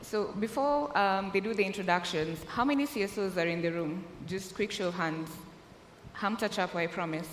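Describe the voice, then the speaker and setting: A woman's voice: mid-range voice, moderate pace. A woman from Kenya moderating a live conference panel, friendly and joking as she talks to the audience. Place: large conference hall. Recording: long hall reverb, faint room noise.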